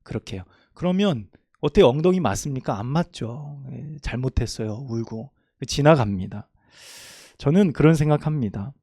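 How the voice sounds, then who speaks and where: A middle-aged man preaching a sermon as a pastor, moving from loud, emphatic passages to quiet, homely storytelling. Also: mid-range voice, expressive, normal speed, slightly rough, no echo, studio quality. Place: church sanctuary.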